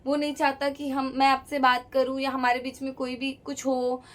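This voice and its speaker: A woman's voice: high-pitched, monotone, normal speed, natural voice. A young woman voicing a tearful, pleading teenage schoolgirl who denies everything in a rush. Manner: pleading, upset denials.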